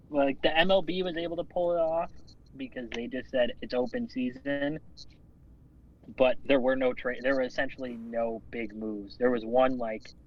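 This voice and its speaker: A man's voice: mid-range voice, dull audio. A man co-hosting a casual podcast, easygoing and rambling, swearing now and then. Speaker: podcast co-host. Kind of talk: casual chat.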